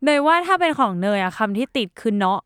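A woman co-hosting a podcast in casual chat, teasing, with quick back-and-forth. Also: medium pitch, big pitch swings, clear, resonant tone, dry recording, studio quality. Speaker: podcast co-host.

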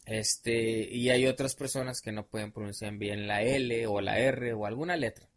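A man's voice: medium pitch, steady tone, normal speed. Slangy young Mexican man rambling. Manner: rambling, slangy, many fillers. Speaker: podcast guest. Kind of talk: casual storytelling chat.

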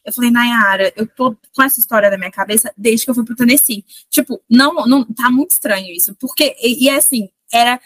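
A woman's voice: fairly high pitch, fast, few pauses, fairly bright tone, no room sound, low-quality recording. A woman with a Brazilian accent, co-hosting a podcast and telling stories in a rambling, dreamy way. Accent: Brazilian Portuguese. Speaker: podcast co-host. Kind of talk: casual chat.

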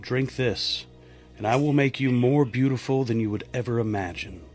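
A man voicing a tempting male demon in a mirror, with a low, raspy, hushed voice. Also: moderate pace, soft background music, close to an everyday voice.

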